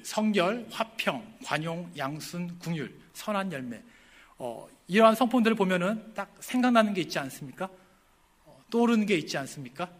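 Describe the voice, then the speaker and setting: A male pastor delivers a sermon in a high, bright, ringing voice. He leans on rhetorical questions, lifting them to emphatic peaks before sinking low at the close. When he lists the virtues one by one, he slows to a deliberate pace.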